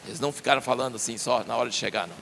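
A man's voice: mid-range voice, very fast, gravelly, fairly bright tone, a little hiss or hum. A man preaching a sermon in a conversational way, asking his listeners questions.

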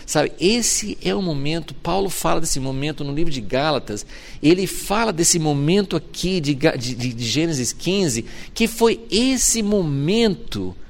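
A male pastor giving a sermon, expressive, moving between hushed reflection and emphatic passages. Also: fairly high pitch, unhurried, creaky.

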